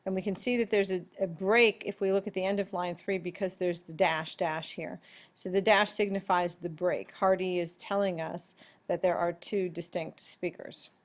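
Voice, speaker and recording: A woman teaching a poetry lesson, explaining lines in a deliberate, explanatory way. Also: lowish voice, fairly even intonation.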